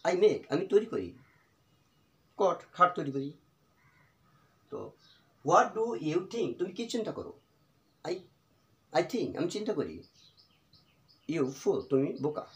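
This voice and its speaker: Man teaching slowly in an echoey room. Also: a little high, sing-song. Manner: slow repetitive drilling of example phrases. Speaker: English teacher. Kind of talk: spoken English lesson in Bengali.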